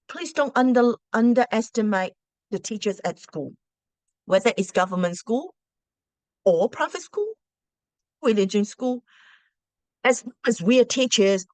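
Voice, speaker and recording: A female teacher whose first language is Cantonese gives parents casual advice, chatting with many rhetorical questions and restarts. Her voice is mid-range, and the recording is dry.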